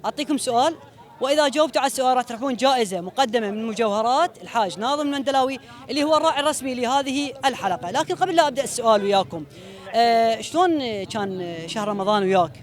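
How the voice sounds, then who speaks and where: An Iraqi man presents a street quiz in a very high-pitched voice. He talks very fast, moving through courteous host phrases and questions out in the open. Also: animated. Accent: Iraqi Arabic. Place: outdoors on a city street.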